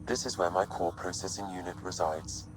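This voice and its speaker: A man voicing a calm male artificial intelligence in a video game, speaking in a measured, formal, unemotional way through a computer-processed synthetic filter. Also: deep voice, background noise. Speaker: ship's AI companion.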